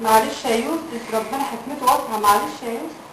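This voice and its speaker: A young woman playing a daughter in an amateur film, speaking weakly and softly. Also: a little high, fast, crowd noise. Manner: weak, hushed speech. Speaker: daughter character. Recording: roomy, distant and noisy.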